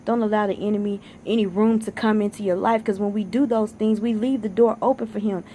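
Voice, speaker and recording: Sitting on her sun porch with thunder outside, a woman delivers an earnest, preachy devotional exhortation, repeating herself for emphasis while close to tears. Her mid-range voice is mellow and brisk with fairly even intonation, recorded with slight background noise.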